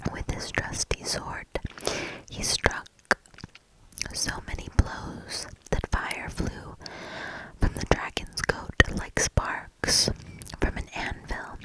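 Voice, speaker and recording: A woman whispers a fairy tale in ASMR style, soft-spoken and deliberate, with measured storybook phrasing. The recording quality is low.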